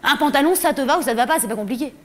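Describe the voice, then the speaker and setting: Brash high-voiced woman doing stand-up. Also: lively intonation, racing, fairly bright tone. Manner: brash, crude, exasperated rants. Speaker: stand-up comedian. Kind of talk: live stand-up comedy. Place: large concert hall stage. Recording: noisy live theater recording.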